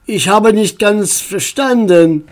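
A man voicing a grumpy, stubborn middle-aged father in a storybook reading, curt and gruff. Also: high voice, takes it slowly, pitched above the performer's own voice. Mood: absent-minded.

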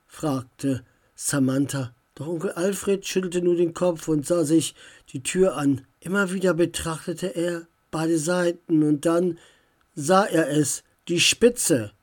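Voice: mid-range voice, darkish tone. Ruhige, langsame Vorlesestimme. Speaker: storyteller. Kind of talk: children's story reading.

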